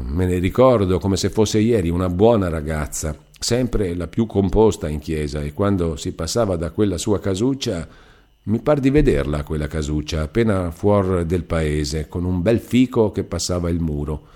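A rambling, good-natured male cousin, read by a man in an audiobook. The voice sits very low and mellow. He talks on warmly and chattily. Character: warm-hearted talkative male cousin, a mill foreman. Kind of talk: audiobook character voice.

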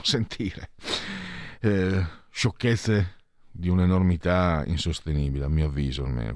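Deep-voiced guy hosting a call-in radio show, lots of ehs and ums, dry close sound. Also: a little mellow, dry recording. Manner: hesitant, many fillers, conversational. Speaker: radio talk show host. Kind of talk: opinionated radio commentary.

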